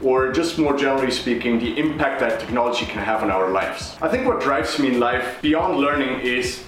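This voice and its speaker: Upbeat man vlogger, mid-pitched voice, explaining to camera, strong room echo. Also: lively intonation, moderate pace, fairly bright tone, slight background noise. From Switzerland. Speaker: vlogger and tech investor. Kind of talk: vlog monologue to camera. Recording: very echoey room.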